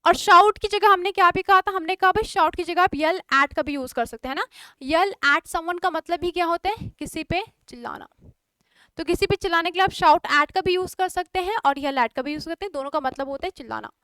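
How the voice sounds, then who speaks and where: A woman's voice: very high-pitched, a little fast, bright, forceful tone, no echo, clean studio sound. A woman with an Indian accent teaching a spoken English class online, explaining step by step and often checking whether everyone follows.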